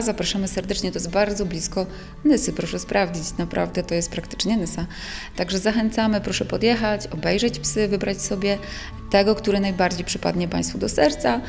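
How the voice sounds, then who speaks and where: A woman's voice: mid-range voice, gravelly, a little mellow. A woman speaking informally in an interview as an animal shelter manager.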